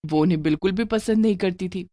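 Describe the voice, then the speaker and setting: A woman narrating a cartoon horror story in a lively, expressive storytelling voice. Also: lowish voice, quick pace, dry recording, clean studio sound.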